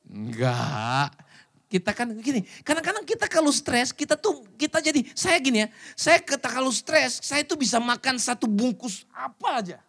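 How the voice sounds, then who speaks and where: A man preaching a lively, humorous sermon as pastor, joking with the congregation and mixing in English words. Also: extremely high pitch, moderate pace, creaky, slightly rough.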